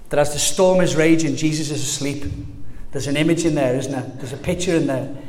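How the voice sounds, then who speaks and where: A man's voice: fairly high pitch, a little fast, a little mellow. A man preaching an earnest, conversational sermon to his congregation, often restarting his sentences. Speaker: pastor. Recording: long hall reverb.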